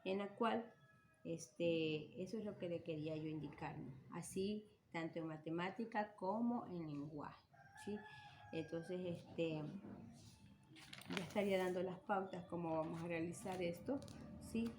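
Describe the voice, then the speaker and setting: A woman teacher, slowly explaining a language lesson and checking understanding with frequent tag questions. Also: fairly low pitch, darkish tone. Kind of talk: slow classroom explanation. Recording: clear background noise.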